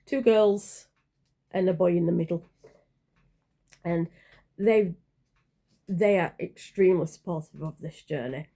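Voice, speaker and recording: Slow, mellow-voiced woman in her forties. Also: lowish voice. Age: 40s. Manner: rambling, hesitant, with many fillers and self-corrections. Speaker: channel creator. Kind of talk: casual vlog chat.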